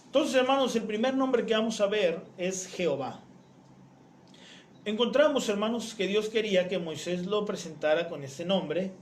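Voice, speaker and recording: A man's voice: sits high, moderate pace, reverberant, slight background noise. A man preaching a teaching sermon in a church. He explains step by step, repeats his key points and often addresses his listeners as brethren.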